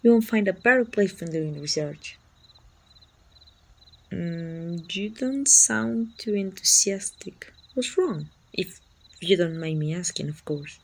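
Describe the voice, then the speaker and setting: This woman's voice is fairly low, expressive, and slow, with a little hiss or hum in the background. With a Mexican accent, she portrays a warm, chatty city guard of a medieval fantasy kingdom for an ASMR roleplay, reassuring the listener politely in a friendly, curious mood.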